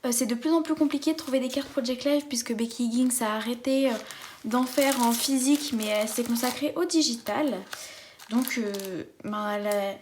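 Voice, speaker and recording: High-voiced, chatty woman vlogger. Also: darkish tone, a little hiss or hum. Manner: chatty and enthusiastic. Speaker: craft vlogger. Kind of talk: casual unboxing chat.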